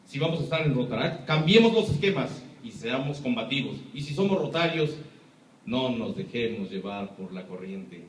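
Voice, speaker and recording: This lecturer has a Mexican Spanish accent and a mid-range, animated voice at normal speed. Delivering a passionate public talk, he leans on emphasis and rhetorical questions and performs the voices he quotes, recorded in an echoey room from a distance.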